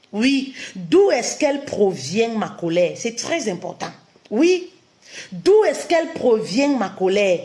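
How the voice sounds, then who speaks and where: A woman relationship coach giving a live-streamed talk, cutting in with emphatic affirmations and posing many rhetorical questions to her listeners. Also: fairly high pitch. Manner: addresses listeners warmly as "my queens", repeats key phrases.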